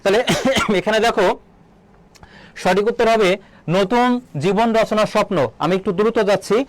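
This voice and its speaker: A high-pitched man leads an online exam-prep lesson. He asks questions, supplies the answers himself and slowly repeats key terms. The sound is dry and close. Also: dry recording. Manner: quizzes students, then answers his own questions. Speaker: admission exam tutor.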